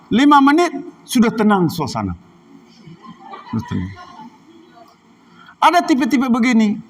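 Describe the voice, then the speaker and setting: A man who leads an Indonesian boarding school, giving a religious lecture to students and acting out examples, at times loud, at times hushed. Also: fairly high pitch. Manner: animated, acts out examples, shifts between loud and hushed. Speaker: Islamic boarding school leader.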